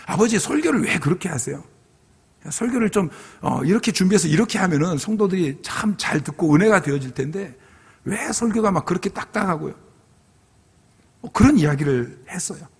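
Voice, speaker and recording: A man's voice: high voice, expressive, a little fast, husky. A middle-aged male pastor giving a revival sermon as a personal testimony, telling his story earnestly and acting out his own past pleas. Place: church sanctuary. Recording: long hall reverb.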